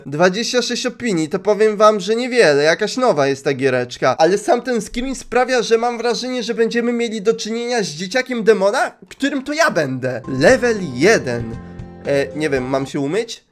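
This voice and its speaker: A young man giving comic commentary while playing a game, excitable and squealing high when surprised. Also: normal speed, soft background music. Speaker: gaming youtuber. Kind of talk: comic let's play commentary.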